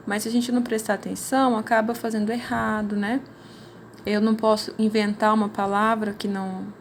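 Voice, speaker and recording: A woman's voice: fairly high pitch, a little hiss or hum. A woman with a Brazilian accent, a primary school teacher patiently explaining worksheets in a recorded class, often ending with "né?". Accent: Brazilian Portuguese. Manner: patient, explanatory, frequent "né?" tags.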